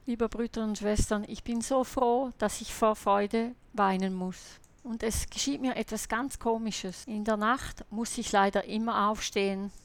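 A woman's voice: mid-range voice, steady tone, measured pace, few pauses. Earnest woman giving testimony. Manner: earnest, fervent, addresses listeners as brothers and sisters. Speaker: lay preacher giving testimony. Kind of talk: personal faith testimony.

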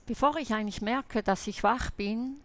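A woman's voice: fairly high pitch, normal speed, no room sound. A woman giving an earnest, fervent personal faith testimony as a lay preacher, speaking directly to her listeners as brothers and sisters.

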